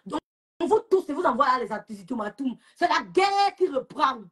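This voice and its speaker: A woman's voice: sits high, very animated, moderate pace, fairly bright tone. A young woman with a Cameroonian French accent, hosting a social media live and scolding and mocking a rival in a taunting rant. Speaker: live-stream host.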